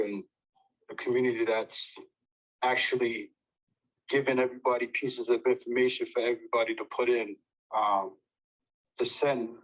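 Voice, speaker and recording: A man talking into a phone, out of breath, halting with many fillers and restarts, earnest and eager. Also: medium pitch, a bit bright, low-quality recording. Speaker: audience speaker. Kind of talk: casual chat on an audio call.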